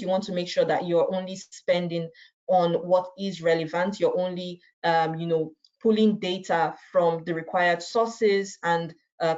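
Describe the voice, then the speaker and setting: A woman with a fairly low voice speaks over a video call, walking viewers through a software demo. Her delivery is conversational and relaxed, and she keeps checking in with "right?". The call audio sounds dull and muffled. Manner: conversational, often tags sentences with "right?". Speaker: presenter. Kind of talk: webinar product walkthrough.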